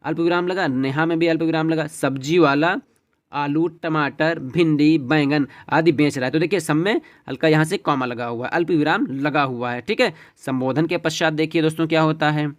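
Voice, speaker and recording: A man's voice: fairly high pitch, normal speed. A man teaching an exam-prep lesson, walking through questions and checking in with "ठीक है" and "देखिए" as he goes. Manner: repeats "ठीक है" and "देखिए" as he explains.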